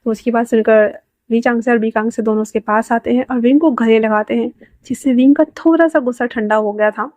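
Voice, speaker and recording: A woman's voice: a little high, steady tone, brisk, a little mellow, no echo. A woman casually narrating a fan fiction story in a chatty, informal way.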